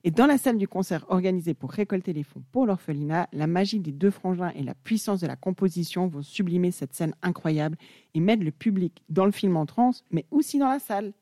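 Enthusiastic woman, mellow voice. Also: on the low side, expressive, brisk, no echo, clean studio sound. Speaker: radio music columnist. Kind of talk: radio chronicle, lively presenting.

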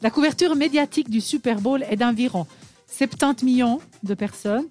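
A woman's voice: on the high side, normal speed, a little mellow, faint music behind. Chatty woman hosting a radio quiz. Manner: chatty, many hesitations and fillers. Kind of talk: casual studio quiz chat.

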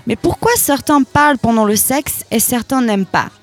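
A woman's voice: on the high side, moderate pace. A woman hosting a show, reading a prepared monologue to listeners, then leading a group chat with questions. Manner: addresses listeners directly, leads questions. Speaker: podcast host.

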